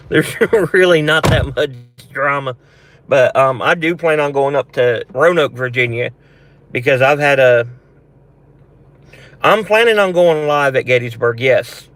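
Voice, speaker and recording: A man's voice: medium pitch, slow pace, pauses often, a bit bright. A man hosting a casual live Q&A for a paranormal channel, talking in a rambling, blunt way with frequent restarts and some swearing.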